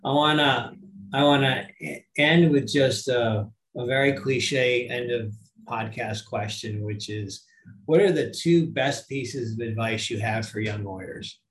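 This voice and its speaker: A man's voice: medium pitch, measured pace, a bit bright, a little hiss or hum, low-quality recording. A middle-aged man hosting a podcast, talking in a reflective, anecdotal way. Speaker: podcast host. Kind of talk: casual interview conversation.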